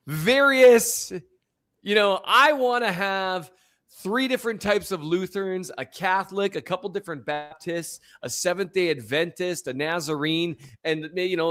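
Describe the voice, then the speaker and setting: A man with a fairly high, slightly bright voice co-hosts a sports podcast, chatting casually in a rambling, self-deprecating way. He has a slight Minnesota accent and is from the upper Midwest and Missouri.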